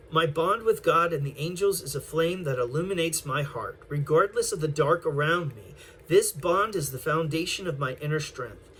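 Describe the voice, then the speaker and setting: A man giving a spiritual tarot reading to an online audience, speaking in a gentle, affirming way and calling his listeners darlings and collective. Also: a little high, slight background noise. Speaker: tarot reader.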